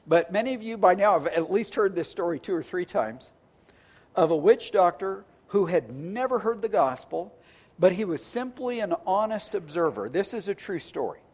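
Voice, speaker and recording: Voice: medium pitch, lively intonation, normal speed, darkish tone, breathy edge. A pastor preaching a sermon in a conversational, earnest way, often restarting words and stacking phrases into lists.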